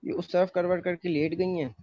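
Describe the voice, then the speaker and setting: A man's voice: high-pitched, fairly even intonation, normal speed, no room sound. Man telling a story in a casual, rambling way. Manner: loose rambling retelling with many fillers. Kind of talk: casual first-person storytelling. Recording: dull, muffled, dry close mic.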